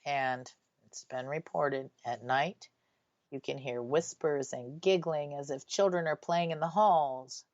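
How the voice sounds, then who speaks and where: A woman's voice: sits low, a little slow, darkish tone, no room sound. A woman hosting a radio show about ghosts in a conversational storytelling style. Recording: slightly dull, dry sound.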